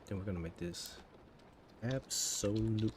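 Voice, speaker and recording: A man's voice: on the low side, unhurried. A man in his thirties livestreaming while he codes, thinking aloud in half-finished, muttered phrases. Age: 30s. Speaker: coding livestreamer. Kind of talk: casual livestream chat while coding. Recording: steady background noise.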